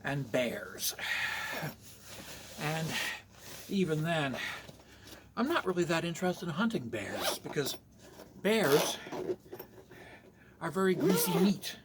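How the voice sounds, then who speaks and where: A man from Canada talking in a slow, measured, somewhat preachy monologue. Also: a little high, sing-song, noisy background. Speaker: vlogger.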